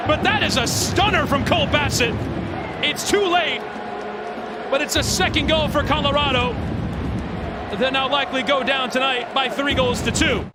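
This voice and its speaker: A man calling a soccer match as play-by-play commentator, moving between measured calls and excited shouts. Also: extremely high pitch. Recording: loud stadium crowd noise behind. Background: roaring stadium crowd.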